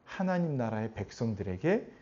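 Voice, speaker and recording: A man preaching a sermon as pastor, animated and often putting questions to his congregation. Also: medium pitch, moderate pace. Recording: dull lo-fi recording.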